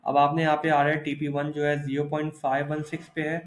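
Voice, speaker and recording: A man's voice: on the high side, monotone, fast. A man teaching crypto trading step by step in a screen-recorded tutorial, explaining patiently and often checking in with "theek hai". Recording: roomy echo.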